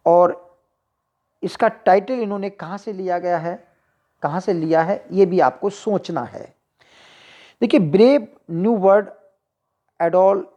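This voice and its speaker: Woman, teacher, Hindi accent, slow measured delivery, mellow tone, exam-prep lesson. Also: lowish voice, highs cut off. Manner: reads questions slowly, then explains options.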